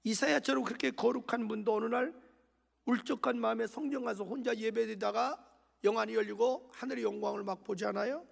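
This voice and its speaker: A man's voice: very high-pitched, fairly even intonation, a little fast, gravelly. A man preaching a sermon at a dawn church service, chatty and colloquial, often asking the congregation questions and leading them in reading scripture aloud. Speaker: pastor. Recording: long church reverb.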